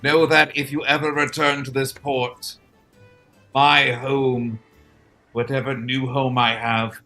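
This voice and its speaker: A man playing a disguised town guard with a shaky stab at a Scottish accent, loudly apologizing in public. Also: medium pitch, level tone, slow pace, faint music behind, low-quality recording. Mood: overwrought. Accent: failed attempt at Scottish. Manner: loud, theatrical public apology. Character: overwrought, tearful disguised male town guard.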